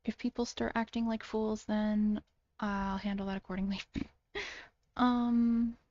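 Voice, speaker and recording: A woman's voice: medium pitch, flat delivery, unhurried, a little mellow, no room sound, muffled recording. A tired, sleepy-sounding woman hosting a casual voice call, hesitant and full of ums and restarts. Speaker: video creator hosting a call.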